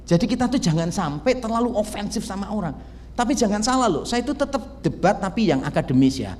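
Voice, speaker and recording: Casual-talking pastor in echoing church. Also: male voice, sits high, sing-song, a little fast, darkish tone, a little hiss or hum. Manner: conversational storytelling, acts out dialogue. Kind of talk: sermon. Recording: church hall reverb.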